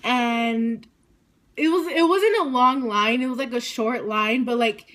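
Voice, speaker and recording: A woman telling a story to her vlog audience, excitable and rambling, saying "like" constantly. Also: a little high, a little slow. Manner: excited, rambling, heavy use of "like". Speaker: vlogger.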